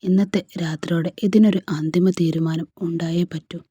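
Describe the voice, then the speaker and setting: A woman's voice: on the low side, steady tone, moderate pace, warm tone, slightly rough, dry recording, studio quality. A woman voicing a hurt young husband.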